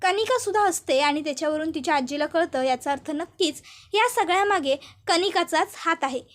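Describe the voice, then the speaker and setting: A woman's voice: very high-pitched, brisk. A woman narrating a TV serial episode in a chatty, descriptive way, ending with a channel sign-off. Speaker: storyteller.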